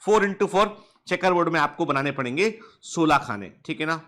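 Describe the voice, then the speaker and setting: High, bright-voiced male biology teacher. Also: lively intonation, fairly quick. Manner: drills students with repeated questions, joking and scolding playfully. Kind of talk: online lecture. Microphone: touchscreen device close up.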